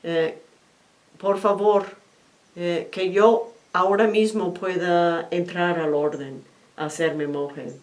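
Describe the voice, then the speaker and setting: A woman voicing an earnest young male cowherd who speaks haltingly in a storytelling. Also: on the low side, fairly even intonation. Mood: pleading.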